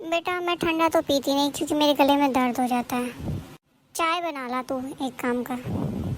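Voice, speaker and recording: A woman's voice: high-pitched, steady tone, moderate pace, noisy background, natural voice. A woman voicing a gossiping middle-aged neighbor aunt in a cartoon, scolding and complaining. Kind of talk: animated cartoon voice acting.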